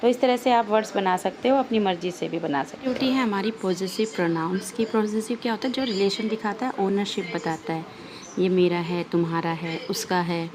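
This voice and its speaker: A woman's voice: mid-range voice, a little fast, background noise. A woman teacher with an Indian English accent, patiently explaining a lesson and answering her own questions. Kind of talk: online class lesson.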